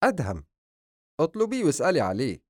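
A man voicing a playful, joking young man with an Egyptian accent who speaks in a lively way. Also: a little high, fast, no echo, studio quality, pitched above the performer's own voice.

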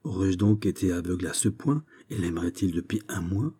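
A man's voice: deep voice, animated, fairly quick, mellow, slightly rough. A man voicing a gracious young princess with an uneasy undertone, in an audiobook, barely shifting his own voice. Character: troubled young royal princess.

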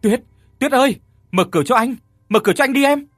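A man voicing a desperate young man who shouts and pleads frantically. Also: extremely high pitch, expressive, brisk, dry recording, clean studio sound, soft background music, voice pushed up, heavily acted. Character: desperate young man trying to save his love.

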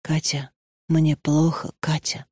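A woman's voice: fairly low pitch, darkish tone, no room sound, clean studio sound. A woman doing a faint delirious sick girl.

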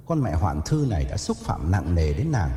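Guy reading a story dramatically, lowish voice, big roomy reverb, soft music behind. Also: sing-song, normal speed, a little hiss or hum. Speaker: narrator. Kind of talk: dramatic audio story narration. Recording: echoey reverb with faint music.

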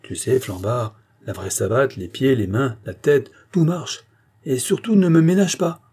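A man voicing a cocky, brisk actor-turned-detective who gives orders jauntily. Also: medium pitch, dark tone, breathy edge, pitched above the performer's own voice.

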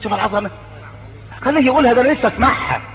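A man with an Egyptian Arabic accent preaching a sermon, animated and mocking, acting out little dialogues. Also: extremely high pitch, racing, vocal fry. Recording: dull lo-fi tape with background noise.

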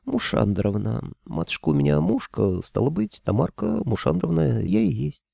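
A man's voice: medium pitch, huge pitch swings, normal speed, creaky, mellow, no echo, clean studio sound, heavily acted. A man voicing a young female kikimora who is eager, boastful and cheeky. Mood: proud. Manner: bowing, chattering, cheeky.

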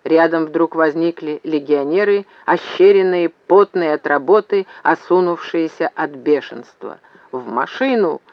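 A man reading an audiobook as narrator in a steady storytelling way. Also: fairly high pitch, measured pace, hardly any pauses, no room sound. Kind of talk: scripted narration. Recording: slightly muffled dry recording.

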